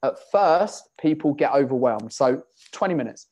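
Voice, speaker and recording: A man, an online fitness coach, giving casual coaching advice in an interview, telling animated stories, swearing freely and acting out conversations with clients. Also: medium pitch, normal speed, slightly rough.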